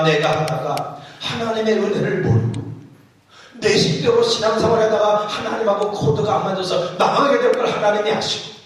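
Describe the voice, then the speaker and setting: A man preaching a sermon as a pastor, telling stories with jokes and acting out bits of dialect. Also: high-pitched. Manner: storytelling with jokes and mimicked dialect phrases. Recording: far-off voice in a very echoey church hall with faint noise.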